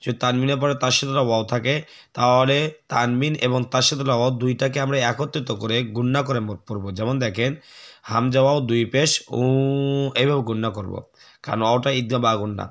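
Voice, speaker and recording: Man teaching slow verse recitation. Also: medium pitch, fairly even intonation. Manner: slow drawn-out recitation between quick explanations; clears throat often. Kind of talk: spelling out and reciting verses in a lesson.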